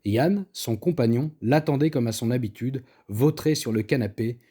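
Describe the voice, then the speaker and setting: A man narrating a comic story in a lively, theatrical storybook reading. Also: medium pitch, moderate pace, slightly rough.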